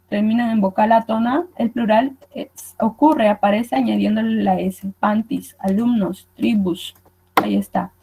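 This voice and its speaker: A woman's voice: a little high, dark tone, husky, poor audio. A woman teacher gives a recorded online lesson, explaining patiently and checking in with her students as she goes. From Peru.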